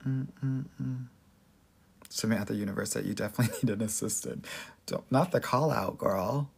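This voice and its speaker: A man with a Southern Californian Valley accent hosts a casual live question-and-answer chat, giving dating advice in a sassy, slangy way with a husky, gravelly voice. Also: medium pitch, normal speed. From Southern California, United States. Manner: sassy, slangy, addresses viewers as girl.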